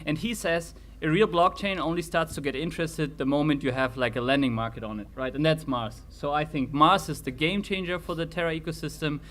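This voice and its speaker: A man with a German accent co-hosting a casual livestream, thinking aloud in halting phrases and laughing often. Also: fairly high pitch, fairly bright tone, slight background noise. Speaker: co-host picking giveaway winners.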